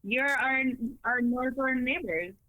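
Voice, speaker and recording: A woman's voice: high voice, slow pace, sharp tone, no echo, low-quality recording. A woman from Kentucky, a guest on a podcast, chatting in a bubbly, playful way. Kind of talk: casual podcast chat.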